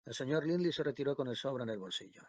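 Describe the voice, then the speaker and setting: A man narrating a classic novel in a measured, even audiobook reading. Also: medium pitch, no echo, lo-fi sound. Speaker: audiobook reader. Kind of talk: scripted literary narration.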